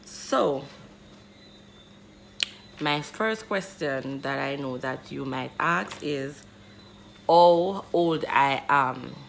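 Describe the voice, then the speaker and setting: A woman's voice: low-pitched, extremely slow, vocal fry, long pauses, slight background noise. A woman in her twenties vlogging casually to her phone camera in a small bedroom, chatty and rambling, often calling her viewers "guys". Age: 20s. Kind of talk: casual vlog talking to camera. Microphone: phone camera close up.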